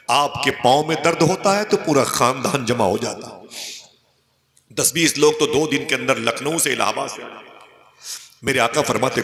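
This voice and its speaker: A man giving an emotional sermon, telling the story with passion and rising to high cries when he quotes. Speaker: Islamic preacher. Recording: echoey hall with crowd behind. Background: listening crowd.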